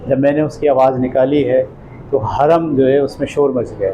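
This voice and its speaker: A man's voice: mid-range voice, fairly even intonation, warm tone, a little hiss or hum, low-quality recording. A man giving a classroom lecture, explaining words one by one and often checking that his listeners follow. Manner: explains terms step by step, checks for understanding.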